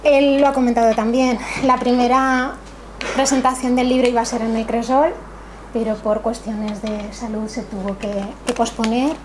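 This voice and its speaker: A café owner opens a literary evening with a warm thank-you to her audience, sounding grateful, conversational and slightly nervous. She speaks on the high side in a flat delivery at a moderate pace, while the small cultural café hums with noise.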